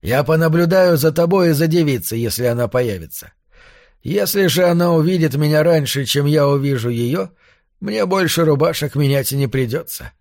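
A man's voice: fairly high pitch, moderate pace, darkish tone, voice pushed up, close to an everyday voice. A man doing a brash tough gangster.

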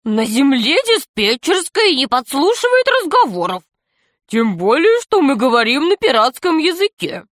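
A jolly fat alien space pirate from a storybook, boastful and gleeful, his voice pushed high and bright, as a woman narrator puts him on. He talks loudly, in a close and dry sound. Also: sing-song, normal speed, dry recording.

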